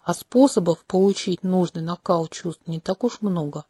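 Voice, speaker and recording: A woman voicing a smooth, manipulative inhuman prince. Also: on the low side, normal speed, dark tone, no room sound. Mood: calm, candid. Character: charming, manipulative male non-human empath prince. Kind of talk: audiobook character reading. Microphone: close home mic.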